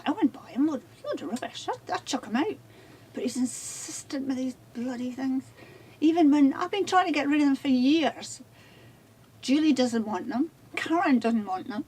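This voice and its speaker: A chatty woman in her seventies rambles through stories and puts herself down with a laugh. Her voice sits a bit high, over a faint hiss of noise. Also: a little mellow. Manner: rambling, chatty, self-deprecating. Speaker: interviewee. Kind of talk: casual home chat on camera.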